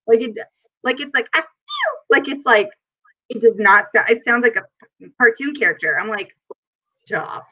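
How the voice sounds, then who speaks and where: A woman's voice: a little high, moderate pace, pauses often. A woman hosting a casual livestream chat, giggly and talkative, reading viewer comments aloud. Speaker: livestream host. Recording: dull lo-fi stream audio.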